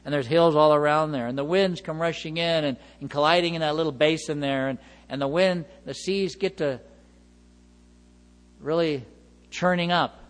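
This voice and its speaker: A man's voice: a little high, moderate pace. Preaching man in a reverberant hall. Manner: expressive preaching, reads scripture aloud. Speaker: pastor. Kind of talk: sermon.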